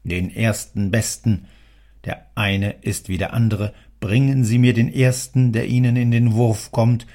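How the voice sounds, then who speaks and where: A man voicing a gruff, domineering older male factory owner who scolds loudly and sarcastically. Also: lowish voice, moderate pace, hardly any pauses. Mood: scolding.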